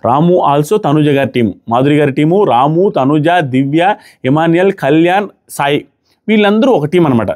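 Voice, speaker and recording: A man reviewing a reality show live, retelling the day's events in an animated way and acting out the contestants' lines. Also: fairly high pitch, normal speed.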